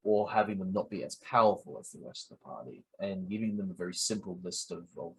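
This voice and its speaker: A man with a low, husky voice talks through a casual solo podcast monologue. He speaks hesitantly, filling pauses and restarting his sentences as he goes. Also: rough recording. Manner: hesitant, many fillers and restarts. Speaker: podcast host.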